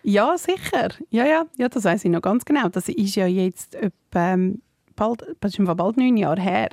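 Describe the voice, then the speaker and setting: Gravelly Swiss German woman telling stories. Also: mid-range voice, no echo, clean studio sound. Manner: animated storytelling, quick to laugh. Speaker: podcast co-host. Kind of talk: casual chat.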